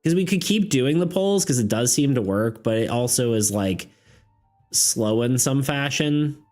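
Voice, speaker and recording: A man's voice: mid-range voice, animated, a little slow, a little mellow. A man running a tabletop game on a live stream, rambling casually, laughing often and asking his chat for ideas. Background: faint background music.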